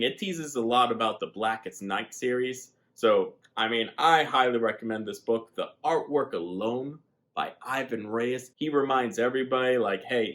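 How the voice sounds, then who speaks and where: A man's voice: mid-range voice, a bit bright. A man talking casually and enthusiastically in a comic book review vlog, often saying "like". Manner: enthusiastic, gushing, says "like" often.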